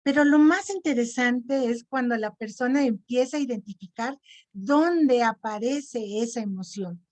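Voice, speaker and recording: A woman gives an online lecture in a fairly high voice. She explains step by step and keeps checking that her listeners follow. She sounds middle-aged and teacherly. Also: measured pace, a little mellow. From Mexico. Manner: didactic, checks in with frequent "¿sí?". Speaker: lecturer on self-esteem.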